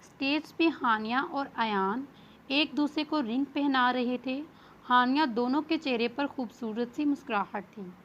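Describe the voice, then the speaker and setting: A woman reading a novel aloud in steady scripted narration. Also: high-pitched, a little slow. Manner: steady storytelling read-aloud. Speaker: novel reader. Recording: dull lo-fi with faint hiss.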